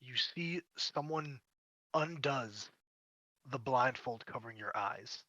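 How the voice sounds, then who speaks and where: A man narrating a tabletop fantasy game as game master, with dramatic pauses and emphasis. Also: medium pitch, sharp tone, dry recording, highs cut off.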